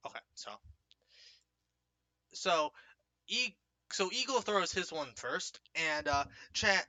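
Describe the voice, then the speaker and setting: A man's voice: high-pitched, very animated, takes it slowly, bright, forceful tone, no room sound. A young man narrating a tabletop game as game master, hesitant, with many fillers and restarts.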